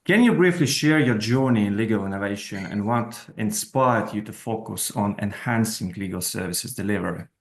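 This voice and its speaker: A man's voice: lowish voice, moderate pace, hardly any pauses. Man hosting with hesitant fillers. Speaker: host. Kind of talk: interview hosting.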